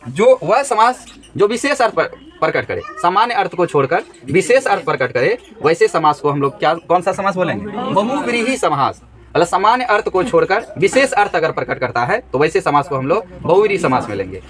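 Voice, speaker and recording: A man's voice: sits high, very animated, fairly quick, fairly bright tone. A man teaching a grammar lesson in a classroom, repeating each question so the students answer together.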